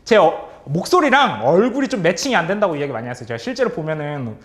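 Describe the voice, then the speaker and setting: A man leading a workshop for teachers as a trainer, upbeat and animated, calling on the audience, praising their answers and chuckling often. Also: fairly high pitch, fast. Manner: chuckles often between remarks. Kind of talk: online workshop quiz for teachers.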